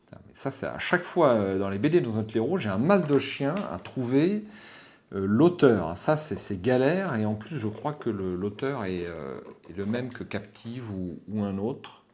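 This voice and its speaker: A man's voice: on the low side, animated, moderate pace, darkish tone. Hesitant, frank man reviewing to camera. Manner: hesitant, many fillers and restarts, swears under breath when stuck; frank and opinionated. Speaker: channel host reviewing a gamebook. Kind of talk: casual spoken review to camera.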